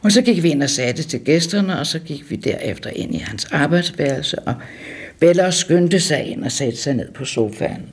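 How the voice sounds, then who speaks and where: An older woman reminiscing about her childhood, pausing and correcting herself as she talks. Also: sits low, lively intonation, slightly rough. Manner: halting, correcting herself mid-sentence. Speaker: storyteller recalling childhood. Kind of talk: casual reminiscing.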